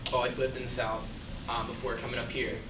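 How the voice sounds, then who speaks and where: A young man in his twenties from Georgia introducing himself casually, relaxed and pausing on fillers. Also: medium pitch. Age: 20s. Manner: relaxed, hesitant with frequent fillers. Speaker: AmeriCorps volunteer. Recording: echoey room, distant mic, background noise.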